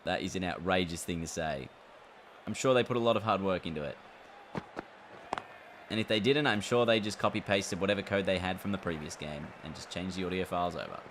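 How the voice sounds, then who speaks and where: Male streamer, deep voice, chatty play-by-play over a game, steady background noise. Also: a little fast. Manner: chatty, reacts aloud to the game and answers chat. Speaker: gaming streamer. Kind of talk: casual livestream chat while playing.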